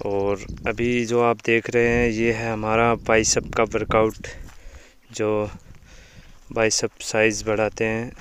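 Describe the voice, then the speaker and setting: A man's voice: on the low side, monotone, slow pace, a bit bright, slight background noise. A young man, hosting a casual gym tour vlog at an outdoor village gym and often asking viewers to like and subscribe. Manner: chatty, repeats calls to like and subscribe. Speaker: gym owner and vlog host.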